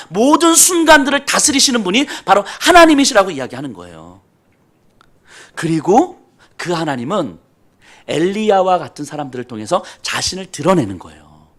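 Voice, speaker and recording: A man's voice: high voice, fairly bright tone. A man pastor preaching a sermon, telling self-deprecating stories with humor.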